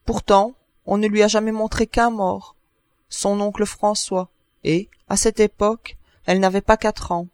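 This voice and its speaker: A man reading an audiobook, voicing a gruff, kindly old neighbor woman who chats bossily. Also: sits high, little pitch movement, measured pace, a little mellow, no echo. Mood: gossipy. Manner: bustling, bossy, chatty.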